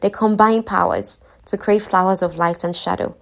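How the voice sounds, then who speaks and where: Recapping a fantasy book, this narrator speaks at a normal pace in a mid-range voice with noticeable vocal fry. Her tone is conversational and she addresses her audience directly, adding casual side comments.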